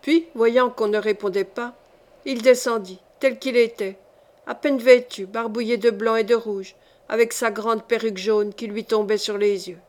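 A woman reading a classic novel aloud as an audiobook narrator, in a measured, clear storytelling manner. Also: a little high, steady tone, a little mellow. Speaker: audiobook reader.

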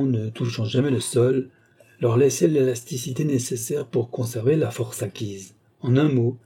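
A man reads a classic novel aloud as scripted narration, measured and even. His voice is very dark and mellow, with a husky grain, at an ordinary middle pitch. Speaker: audiobook narrator.

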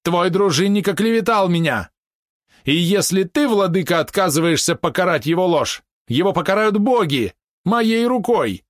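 A man voicing a shrill young prince in an audiobook, shouting and pleading. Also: big pitch swings, moderate pace, no echo, clean studio sound. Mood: shrieking. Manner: screeching, pleading.

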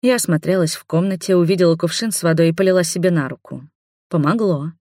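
A woman reading a fantasy story aloud in the first person, steady and expressive. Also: lowish voice, quick pace, no echo, clean studio sound. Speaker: audiobook narrator.

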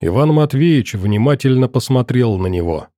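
Male audiobook narrator, calm and measured, mellow dark tone, dry close-mic studio sound. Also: mid-range voice, no room sound.

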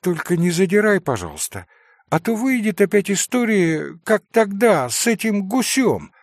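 A man's voice: sits high, sing-song, moderate pace, no echo, clean studio sound, pitched above the performer's own voice, full character voice. A man voicing a timid, anxious schoolboy who talks in a nervous, pleading way.

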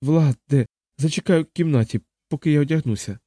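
A man voicing a frightened young woman in an audiobook, who speaks in halting, fearful bursts. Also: fairly high pitch, mellow, no echo, studio quality, pitched above the performer's own voice, natural voice. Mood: whispering. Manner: breathless, halting, fearful retelling.

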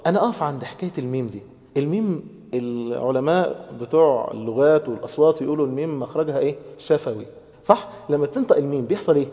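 A male preacher with an Egyptian Arabic accent, his voice a little high and warm in tone. He moves between loud, stressed lines and soft, tender ones, and slowly chants the prayers he quotes. The sound rings out with a long reverb, as in a large hall. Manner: swings between loud emphasis and hushed, tender phrases. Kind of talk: sermon to young people.

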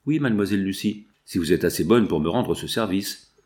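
Un homme lisant à voix haute et prêtant sa voix à une porteuse de pain d'âge mûr, humble et affectueuse. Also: male voice, low-pitched, expressive, brisk, a little mellow.

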